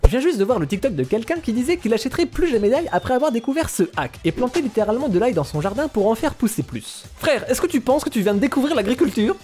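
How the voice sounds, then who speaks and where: A man doing comedic voice-overs of translated memes, switching quickly between joke voices. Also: very high-pitched, faint music behind. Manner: fast, animated, jumping between joke voices. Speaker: meme dubber. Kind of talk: comedic meme voice-over.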